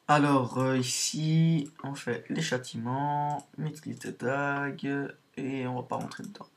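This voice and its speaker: Brief: unhurried male gamer talking through his match, hesitant and full of fillers. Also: mid-range voice, steady tone, creaky, a little hiss or hum. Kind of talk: casual gameplay commentary.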